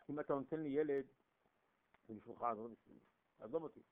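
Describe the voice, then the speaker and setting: A man preaching voices a childless woman praying, in a soft, low, murmured plea. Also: close to an everyday voice. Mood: pleading. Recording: tinny phone-like recording.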